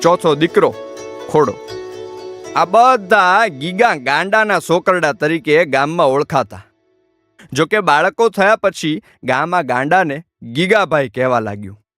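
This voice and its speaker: Expressive male audiobook narrator. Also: a little high, a little slow, soft background music.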